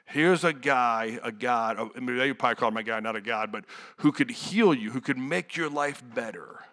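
A man's voice: medium pitch, moderate pace, sharp tone. A young adult man preaching a sermon in a candid, conversational way, full of asides and rhetorical questions.

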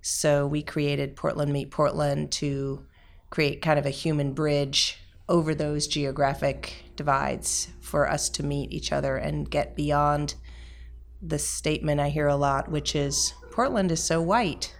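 A woman's voice: deep voice, fairly even intonation, unhurried, creaky, slight background noise. A woman who co-founded a community organization, speaking in an interview about its mission in an earnest way. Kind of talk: casual interview talk.

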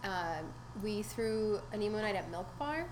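A young woman from Hungary answers interview questions in a loose, relaxed way, full of likes and ums. Her voice sits at a middle pitch for a woman. Steady noisy ambience is heard around her. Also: measured pace. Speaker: music event organizer, guest.

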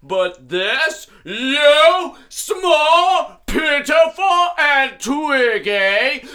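A howling, one-eyed giant , voiced by a man, hurls curses and threats from his cave. His voice rides high and swings wildly up and down, bright and cutting, and he drags his words out very slowly. It is an amateur stage reading. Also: full character voice. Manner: bellowing threats and wailing curses. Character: huge one-eyed male giant, blinded and raging.

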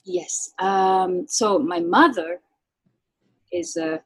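Soft-spoken woman with a Japanese accent. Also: lowish voice, poor audio. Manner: soft-spoken, halting with many fillers. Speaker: guest violinist. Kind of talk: casual interview chat.

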